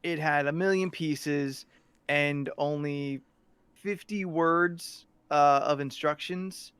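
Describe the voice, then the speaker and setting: A man's voice: on the high side, fairly even intonation, slow, a bit bright, smooth, no echo. A man talking casually and telling stories as a podcast host. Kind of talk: casual chat and storytelling.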